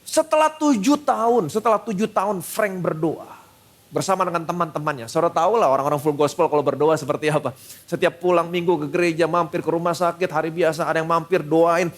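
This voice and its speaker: Emphatic male pastor with a high voice; repeats short lines for punch and slips English phrases into the sermon. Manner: mixes English phrases into his preaching. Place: church service.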